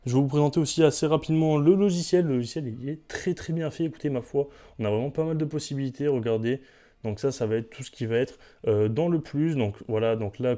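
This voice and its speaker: Man, tech reviewer, rapid chatty delivery, dark warm tone, indoor webcam sound. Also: medium pitch. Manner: chatty, frequent fillers. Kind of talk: product review vlog.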